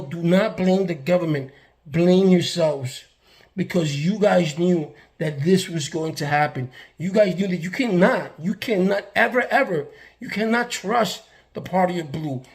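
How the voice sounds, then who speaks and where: A man's voice: high voice, creaky. A man from the Bronx, ranting to camera in a casual, emphatic way, with many restarts and fillers. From the Bronx, New York. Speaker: vlogger. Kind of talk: casual political rant to camera.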